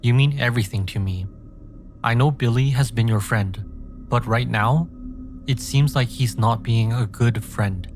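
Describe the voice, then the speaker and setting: A man's voice: mid-range voice, a little slow, a little mellow, lightly acted. A man voicing an earnest, emotional and protective young father in a horror story. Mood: tender, concerned. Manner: earnest, emotional, speaking to his small son. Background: background music.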